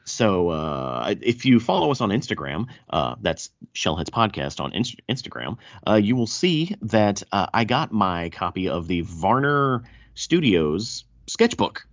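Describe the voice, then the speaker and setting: A man's voice: fairly low pitch, very animated, unhurried, hardly any pauses. A man with a thick Southern US accent hosting a casual podcast chat, often stammering and repeating words as he goes. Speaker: podcast host. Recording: dull, roomy echo.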